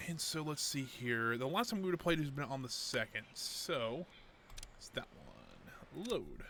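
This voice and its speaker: A man livestreams a game through his gaming headset, his mid-range voice pushed and bright. He chats casually and rambles to himself while he sorts out his setup.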